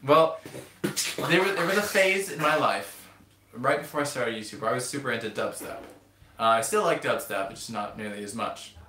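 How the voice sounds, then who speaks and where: A man's voice: mid-range voice, normal speed, bright, forceful tone. A young man hosting a casual live stream, rambling and hesitant, with lots of ums. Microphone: camera-mounted mic. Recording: roomy home recording with faint hiss.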